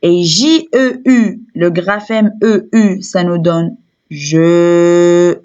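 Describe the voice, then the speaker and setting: A woman's voice: medium pitch, slow, darkish tone, muffled recording. A woman teacher with a Tunisian French accent gives a phonics lesson to young children. She spells letters aloud and repeats each syllable several times. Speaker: primary school teacher.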